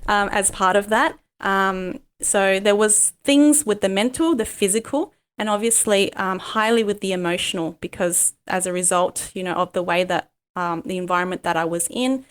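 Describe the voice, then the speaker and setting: A life coach appears as a guest in a candid personal interview, speaking with a clean, mid-range voice; her first language is Cantonese. She's halting and reflective, with many pauses and ums.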